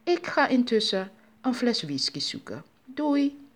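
A woman's voice: a little high, very animated, measured pace, voice pushed up. A woman voicing a sly, boastful male spider trickster in a storybook tale, with a cheeky, jokey way of talking.

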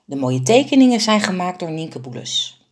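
A woman reading aloud a children's story she wrote, expressive and lively. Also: on the low side, moderate pace. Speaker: author and narrator.

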